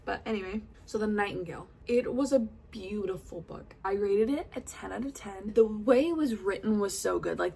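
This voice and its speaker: A woman's voice: medium pitch, gravelly, a little mellow, slightly rough. A young woman chatting casually and effusively about books she read, with lots of fillers. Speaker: book reviewer. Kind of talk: casual book review vlog.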